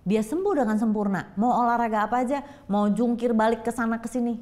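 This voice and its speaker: A middle-aged woman giving an emotional personal testimony as a talk show guest, telling her story with lively, acted-out storytelling. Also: a little high, fast talker. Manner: lively storytelling, acting out quoted voices.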